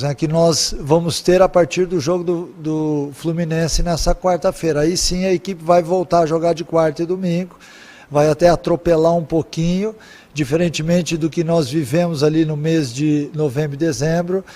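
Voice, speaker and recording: A man, a football coach, giving measured press conference answers with frequent fillers. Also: fairly high pitch, a little mellow, big-room sound. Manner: measured, repeats 'é' and 'né' fillers.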